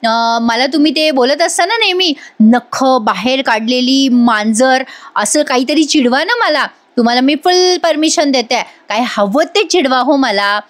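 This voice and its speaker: A woman's voice: sits high, expressive, measured pace. A woman voicing a talkative young wife who keeps pleading with her silent husband, repeating her questions. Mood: coaxing. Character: young wife, chatty, coaxing, pestering her sulking husband. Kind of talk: re-enacting serial dialogue in a voice-over review.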